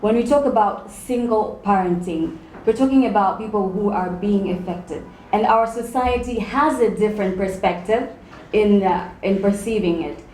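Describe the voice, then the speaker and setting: A woman hosting a talk show, asking her guests measured questions. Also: mid-range voice, a little mellow. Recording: echoey studio with faint hum.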